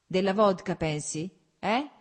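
A woman's voice: mid-range voice, unhurried, voice pushed up, close to an everyday voice. A woman voicing a scruffy, hungover young officer who jokes and teases in a mock-solemn way. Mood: playful teasing.

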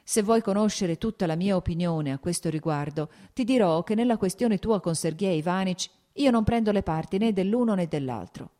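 A woman voicing a shy, gentle young man who speaks mildly and tactfully, in an audiobook. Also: fairly low pitch, expressive, normal speed, hardly any pauses, pitched above the performer's own voice, lightly acted. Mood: earnest. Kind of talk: audiobook character voice.

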